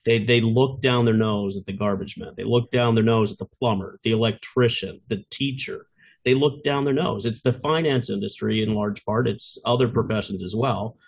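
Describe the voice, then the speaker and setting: Husky-voiced wry man from upstate New York. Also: on the low side, normal speed. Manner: wry, exasperated and rambling. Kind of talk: casual political chat.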